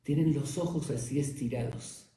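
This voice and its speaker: A man's voice: medium pitch, moderate pace, mellow, far from the mic, natural voice. A rabbi voicing a pushy young man who needles a sage with silly questions, in an echoey room. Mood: needling. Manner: needling, mock-innocent questions.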